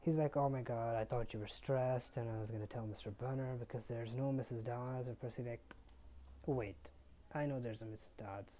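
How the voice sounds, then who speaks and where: A young man hosting a podcast, recapping a book chapter casually with lots of fillers and quick voices for the characters, recorded on a tablet on his bed. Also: medium pitch, fairly even intonation, warm tone. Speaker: podcast host. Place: bedroom, on a bed. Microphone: tablet built-in mic.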